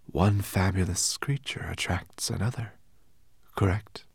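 Guy doing a sly sea serpent lady, slow hissy whisper, sing-songy. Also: sits low, vocal fry, husky, no echo, clean studio sound, heavily acted. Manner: soft sing-song hissing, whispery. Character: ancient female sea serpent, sly and amused.

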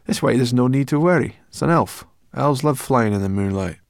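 A man voicing a cheeky, sharp-tongued female forest brownie in an audiobook, blunt and breezy. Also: mid-range voice, lively intonation, normal speed, gravelly, no room sound, studio quality, voice pushed up.

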